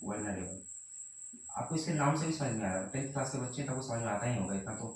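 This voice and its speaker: A man's voice: mid-range voice, fast talker, far from the mic. Young male teacher with a Hindi accent. Repetitive, asks rhetorical questions, echoey room. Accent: Indian, Hindi. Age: young adult. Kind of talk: classroom lecture.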